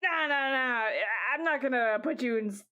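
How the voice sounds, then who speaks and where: A woman's voice: sits high, sharp tone, clean tone. A woman running a tabletop game as game master, talking unhurriedly with lots of fillers. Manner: unhurried, full of fillers and laughs.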